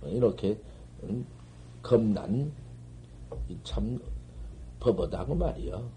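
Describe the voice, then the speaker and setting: An older man giving a Buddhist dharma lecture on koans, scolding and animated, swinging from loud outbursts to murmurs, on an old 1970s tape. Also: lowish voice, slow pace, a little hiss or hum, low-quality recording. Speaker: Zen master giving a dharma talk.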